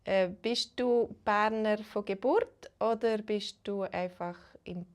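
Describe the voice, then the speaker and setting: Swiss woman, language teacher hosting a live chat; slow, unhurried delivery, mid pitch, bilingual back-and-forth with viewers. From Switzerland. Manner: greets chat viewers, slow and unhurried, switches between English and German.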